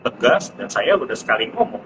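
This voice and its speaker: A man in his thirties, a parent sharing parenting tips in a casual live-stream chat, who jumps into a high pitch to mimic his child. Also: very animated, fast talker. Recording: muffled live-stream audio with background noise.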